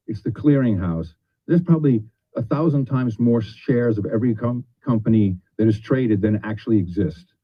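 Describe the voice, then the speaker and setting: Husky man heard through a speaker. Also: mid-range voice, dry recording. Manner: blunt, profane, restarts often. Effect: video audio played through a computer speaker and picked up again by a mic. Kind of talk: candid spoken remarks. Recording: muffled re-recorded speaker playback.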